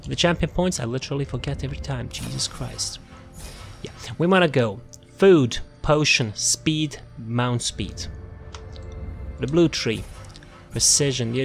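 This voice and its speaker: Rambling through a casual video game build walkthrough with no script, a man repeats words and phrases as he searches for things. His voice is mid-range and gravelly, and background music accompanies him.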